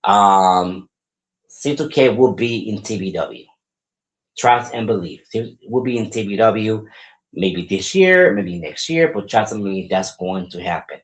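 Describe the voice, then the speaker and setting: A wrestler in his forties hosts a casual solo podcast, talking upbeat and relaxed, rambling and often repeating his words. His voice is fairly low with lively intonation and a measured pace. The recording is low quality.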